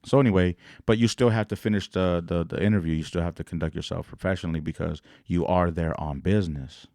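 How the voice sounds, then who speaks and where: Deep-voiced slangy man on a podcast. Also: steady tone, fast talker, mellow, no room sound, studio quality. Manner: slangy, rambling, acts out quoted voices. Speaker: podcast host. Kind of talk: casual commentary.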